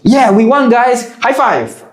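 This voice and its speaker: A pushy, oblivious board gamer, as a man puts him on, barking bossy instructions in a loud, high, cheerful voice. He sounds sure everyone wants his advice. The sound carries a roomy echo. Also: lively intonation, quick pace.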